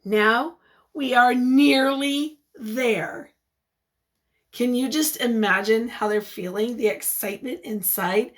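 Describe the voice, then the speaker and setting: A woman reads a picture book aloud as a teacher, her slightly high voice expressive and encouraging. She pauses to ask the young listeners questions.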